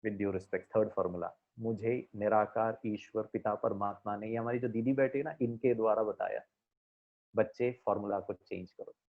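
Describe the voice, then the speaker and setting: A middle-aged man from India who works as a life coach, giving an animated motivational talk. He speaks to his audience directly with rhetorical questions and swings widely between loud and soft. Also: moderate pace, narrow, tinny audio. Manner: animated, emphatic, with big swings of pitch and loudness. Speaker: life coach and corporate trainer.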